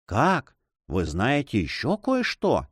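A man's voice: medium pitch, huge pitch swings, takes it slowly, slightly rough, no echo, studio quality, full character voice. A man voicing a frightened, hesitant Spanish monk who stammers timidly. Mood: fearful.

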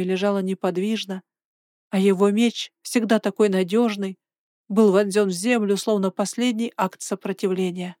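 A woman narrating a first-person fantasy story in a steady, dramatic reading. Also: mid-range voice, no room sound, studio quality.

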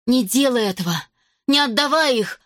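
A woman voicing a desperate young man who shouts warnings, in an audiobook. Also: sits high, very animated, moderate pace, no room sound, studio quality, voice pushed up.

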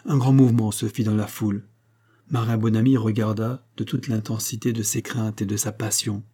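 A man narrating a novel in a measured, dramatic reading. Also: on the low side, flat delivery, dark tone, husky. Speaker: audiobook narrator. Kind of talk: scripted narration.

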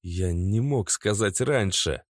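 A man's voice: on the low side, expressive, takes it slowly, no echo, studio quality. A man voicing a nervous young boyfriend who earnestly pleads to be believed. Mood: pleading.

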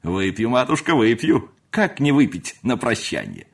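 A man's voice: medium pitch, huge pitch swings, measured pace, gravelly, slightly rough, heavily acted. A man voicing a jovial older family friend who teases the household and is fond of food and drink. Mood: hearty. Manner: hearty, teasing.

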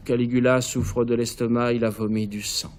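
A man's voice: mid-range voice, flat delivery, normal speed, natural voice. A man reading a play aloud, voicing a detached woman who speaks in a neutral, indifferent, polite tone. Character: cool, detached woman, emperor's companion.

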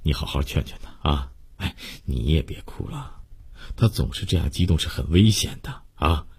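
A male narrator voices a middle-aged hospital doctor who coaxes and gently scolds with many drawn-out fillers. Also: very deep voice, expressive, slightly rough, heavily acted. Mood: coaxing. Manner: coaxing, scolding gently, full of 'ah' fillers.

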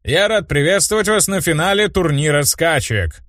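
A man doing a booming tournament announcer. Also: animated, normal speed, a bit bright, no room sound, clean studio sound. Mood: announcing. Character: loud cheerful male tournament announcer.

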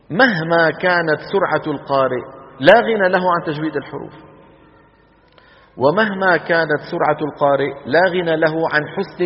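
A man teaching Quran recitation in a classroom lecture, asking his students questions and answering them himself. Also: fairly high pitch. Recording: echoey hall, dull lo-fi recording.

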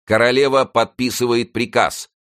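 A man's voice: extremely low pitch, big pitch swings, fairly quick, gravelly, exaggerated voice. A man voicing a bold, cunning churchman agitator in an audiobook reading, in an assured, rousing manner.

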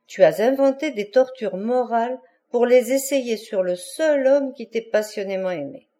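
A woman reading an audiobook, voicing a jilted man who speaks in a slow, controlled way. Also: a little high, warm tone, natural voice. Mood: cold. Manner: slow and measured.

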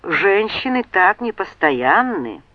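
A woman's voice: mid-range voice, big pitch swings, slow pace, no room sound, dull audio. Woman reading as a scornful, hot-headed young man. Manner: scornful, snapping. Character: sardonic young man, quick-tempered brother.

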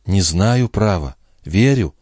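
A man's voice: deep voice, slow, dry recording, full character voice. A man reading a storybook aloud, voicing an emotional young noblewoman in love who speaks with eager, breathless feeling. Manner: breathless, excited. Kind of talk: audiobook reading.

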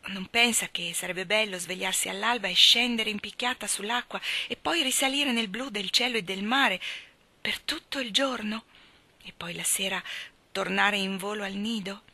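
A woman's voice: mid-range voice, normal speed, pushed and bright, no echo. A woman reading a novel aloud, voicing an imaginative, chatty orphan girl who gushes and sometimes drops to a whisper. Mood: dreamy. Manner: breathless, gushing, sometimes whispering. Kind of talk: audiobook reading.

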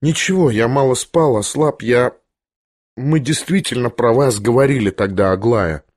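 A man reading an audiobook, voicing a gentle, anguished young prince who speaks softly and hesitantly. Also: mid-range voice, moderate pace, no room sound, clean studio sound, lightly acted. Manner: soft, hesitant, pained. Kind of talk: audiobook character voice.

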